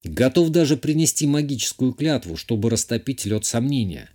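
A man playing a tense young male noble in an audiobook. He speaks in a measured way, holding back his anger. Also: medium pitch, very animated, warm tone. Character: tense young male noble hero, restrained but quick-tempered.

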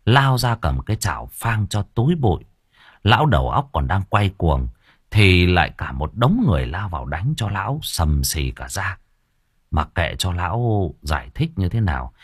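A man narrating a story audiobook in a lively, expressive reading. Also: low-pitched, slightly rough, no room sound, studio quality.

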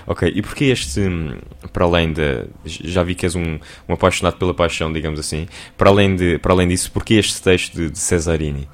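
A man's voice: low-pitched, quick pace, few pauses. A man with a European Portuguese accent hosting a radio show, playful and joking as he interviews his guest. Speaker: radio host.

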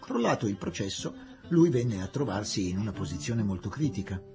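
A man reading a novel aloud in a theatrical, expressive way with a husky voice. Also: lowish voice, a little fast, music in the background. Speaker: audiobook reader. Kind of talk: dramatic literary reading.

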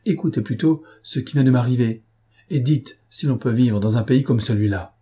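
A man's voice: medium pitch, normal speed, mellow, slightly rough, lightly acted. A man voicing a flustered, pompous middle-aged financier who talks in an agitated, lugubriously confidential way. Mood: alarmed indignant.

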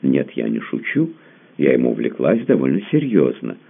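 A man's voice: very deep voice, huge pitch swings, moderate pace, gravelly, exaggerated voice. A man voicing a haughty, cold baroness with a curt, commanding manner. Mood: cool. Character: haughty cold Georgian-born woman, a baroness. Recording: lo-fi phone-like audio.

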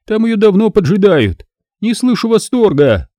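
A man's voice: sits high, very animated, normal speed, dark tone, dry recording, studio quality, pitched above the performer's own voice. A man reading an audiobook voices a spiteful, scheming young woman who taunts and sneers. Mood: gloating mockery.

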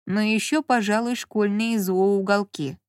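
Спокойный, немного растерянный мужчина, которого читает женщина говорит неторопливо и мягко, почти её обычным голосом. Запись сухая, близкая. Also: female voice, mid-range voice, moderate pace, no echo, studio quality, lightly acted. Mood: mild. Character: easygoing puzzled grown man.

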